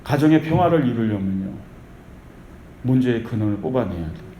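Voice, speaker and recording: A male pastor delivers an animated sermon, mixing preaching with storytelling. His voice is mellow and dark, heard in an echoey church sanctuary with a faint hiss behind it. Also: medium pitch, brisk, highs cut off. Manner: animated storytelling with repeated calls of faith.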